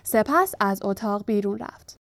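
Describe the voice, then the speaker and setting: A woman narrating a storybook in a calm, even reading voice. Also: mid-range voice, dry recording, clean studio sound. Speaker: audiobook narrator.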